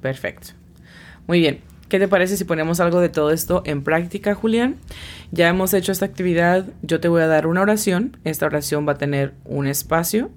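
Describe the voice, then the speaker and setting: This scripted English lesson is led by a woman with a slightly mellow voice on the low side, talking a little fast. She patiently spells each word's pronunciation out letter by letter.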